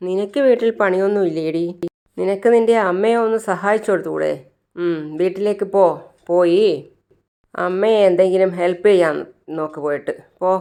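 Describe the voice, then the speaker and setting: A woman's voice: lowish voice, normal speed, clean tone, lightly acted. A woman voicing a harsh, scolding old grandmother in a storybook tale. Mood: angry scolding. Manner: sharp, scolding.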